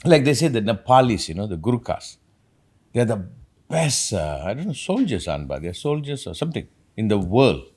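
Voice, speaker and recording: Guy hosting a chat show, rambly storyteller, pitch jumping all over the place. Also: moderate pace, husky. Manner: animated storyteller, acts out quotes, rambling. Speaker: podcast host. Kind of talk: reflective conversational talk.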